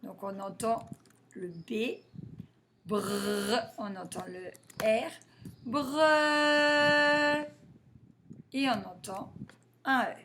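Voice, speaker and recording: A woman teaching a phonics lesson to young children, sounding out letters and syllables slowly and carefully. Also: medium pitch, creaky, background noise.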